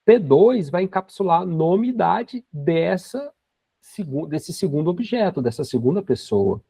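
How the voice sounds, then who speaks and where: A man in his forties teaches programming in a screen-recorded coding lesson, patiently explaining each step with frequent tag questions. His voice is a little high, mellow and slightly rough, with big pitch swings, vocal fry, and an unhurried pace. The recording is dry, dull, and lo-fi.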